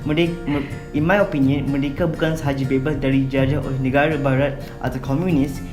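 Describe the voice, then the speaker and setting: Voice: medium pitch, fairly even intonation, fast, reverberant, over music. A young adult with a Malaysian accent co-hosting an online show, chatting casually and reading out comments, sometimes switching into Malay. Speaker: online show co-host judging entries.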